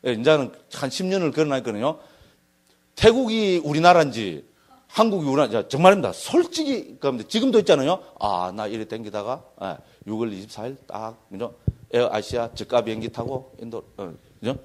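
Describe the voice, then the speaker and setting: A middle-aged man with a Gyeongsang accent, a Buddhist monk giving a relaxed classroom lecture. He talks loosely and keeps checking for the class's agreement. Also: medium pitch, brisk. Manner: chatty, keeps asking listeners for agreement.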